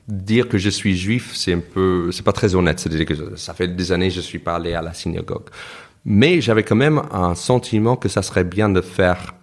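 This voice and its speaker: A man from the United States talks through his experiences in a very low voice, his French carrying an American accent. He tells stories in a reflective, halting way, often stopping and restarting his sentences as an interview guest. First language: English. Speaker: guest, author. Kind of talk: casual interview conversation.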